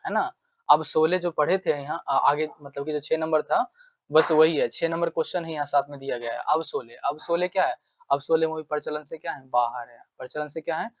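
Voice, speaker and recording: A man's voice: fairly high pitch, no room sound. Repetitive male tutor, dull dry recording. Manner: repetitive, drills phrases over and over; acts out angry demands while explaining. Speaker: teacher. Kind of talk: exam-prep vocabulary lesson.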